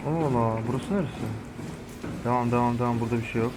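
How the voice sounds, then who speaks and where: A man's voice: mid-range voice, rapid-fire, background noise. Jumpy, swearing young man playing a game. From Turkey. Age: 20s. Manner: jumpy, swears a lot, frightened outbursts. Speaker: gaming channel host. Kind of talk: let's play commentary.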